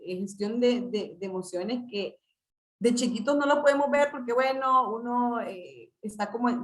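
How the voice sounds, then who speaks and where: A woman's voice: fairly high pitch, echoey room. A woman giving an informal talk to parents, full of fillers and repeated words. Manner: conversational, many fillers and repeated words, acts out parent-child dialogue. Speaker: school parenting workshop speaker.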